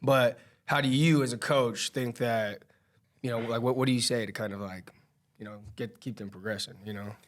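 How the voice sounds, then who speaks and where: Man, podcast host, wrestling coach, rambling, swears a lot, mid-pitched voice. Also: fairly even intonation, moderate pace. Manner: rambling, swears, many fillers like "bro". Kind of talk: casual podcast chat.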